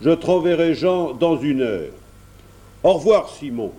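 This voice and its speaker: A kindly, fatherly gentleman speaks gently and encouragingly in a mellow, warm tone, a touch high for a man, read by a man. It is a storybook reading. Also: animated, unhurried.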